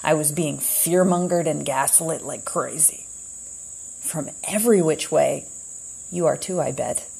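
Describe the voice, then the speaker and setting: A woman hosting her own show, speaking in a slow, meandering, introspective monologue with long pauses. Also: low-pitched, creaky, darkish tone, slightly rough, poor audio. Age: adult, heard as a child in the 80s. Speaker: podcast host.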